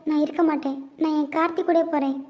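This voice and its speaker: A woman's voice: high voice, steady tone, quick pace, a little mellow, lightly acted. A woman voicing a heartbroken young woman in a cartoon series, crying and accusing her father. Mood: tearful. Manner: tearful, accusing. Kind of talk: cartoon web series voice acting. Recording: dull lo-fi recording.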